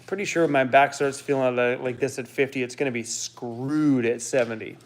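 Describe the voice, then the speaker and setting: A Canadian man in his fifties casually hosts a live stream, rambling as he reads viewer comments and talking to his dog in a high, coaxing voice. His tone is steady and his speed normal. The audio quality is poor.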